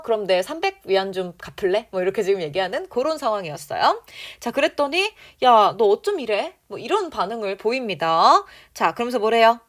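A woman teacher giving an online language lesson, explaining drama dialogue with animated, coaxing questions to her viewers. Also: medium pitch. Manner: reads lines slowly and clearly for practice.

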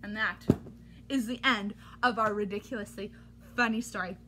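Her voice is medium in pitch, steady in tone and at a normal speed as this woman in her thirties reads a picture book to children the way a teacher would. The delivery is exaggerated and theatrical, with a playfully exasperated flavor. It was recorded at home in a small room, and background noise is noticeable.

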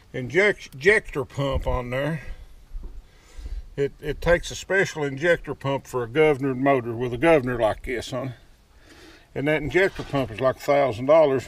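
A man, giving a casual walkaround tour of his sawmill yard outdoors, talking in folksy dialect into a head-mounted camera. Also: mid-range voice. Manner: folksy rural dialect with double negatives. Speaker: sawmill owner. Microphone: head-mounted action camera.

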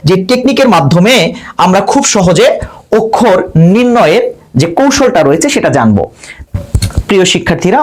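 High-voiced young male teacher. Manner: patient, explains step by step, addresses students directly. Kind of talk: lesson narration.

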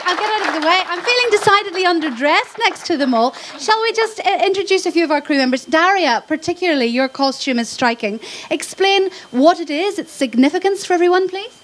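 A woman hosting a ceremony on board a ship, chatting playfully with crew members in front of an audience. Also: very high-pitched. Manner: chatty, playful, self-deprecating. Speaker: ceremony host interviewing crew. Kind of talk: lively onstage interview. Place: ship's lounge with audience.

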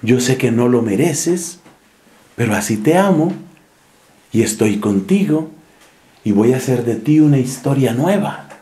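Un hombre con acento colombiano que da voz a Dios como un padre tierno que perdona, con tono suave y tranquilizador. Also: male voice, mid-range voice, expressive, a little slow, pauses often, lightly acted. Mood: tender. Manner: gentle, reassuring. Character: tender forgiving father, God. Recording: echoey room.

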